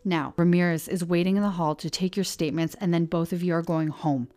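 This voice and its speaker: A woman's voice: on the low side, normal speed, natural voice. A woman reading an audiobook, voicing a stern middle-aged male sheriff who is also a weary father, firm and commanding. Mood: angry. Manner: firm, commanding, loud when angered. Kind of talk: audiobook character voice.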